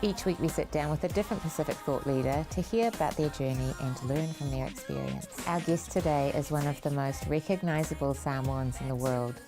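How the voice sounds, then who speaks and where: A woman's voice: low-pitched, brisk, few pauses, over music. A woman hosting an interview show, speaking in a presenter's conversational style. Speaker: talk show host. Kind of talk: interview hosting, prepared introduction.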